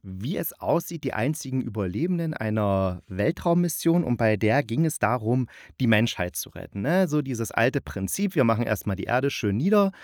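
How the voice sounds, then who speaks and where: A man's voice: mid-range voice, sing-song, normal speed, hardly any pauses, darkish tone, no room sound, studio quality. A man talking casually and colloquially as a podcast host reviewing audio dramas, with a tongue-in-cheek way of putting things. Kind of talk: casual chatty review monologue.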